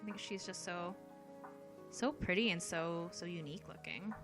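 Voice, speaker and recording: A young woman from Canada hosting an art livestream, chatting casually and reading viewer comments in a soft voice, with many ums and light laughs. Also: fairly low pitch, moderate pace, music in the background.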